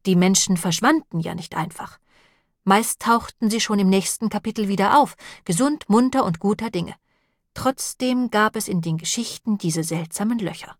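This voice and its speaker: A woman narrating an audiobook in a calm, even storytelling manner. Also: medium pitch, normal speed, dry recording, clean studio sound.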